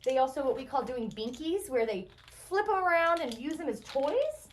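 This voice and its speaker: Picked up by a distant mic over faint background noise, a woman with a high, sing-song voice speaks at normal speed. She's showing children around the indoor rooms of an animal shelter, keeping her explanations simple and enthusiastic.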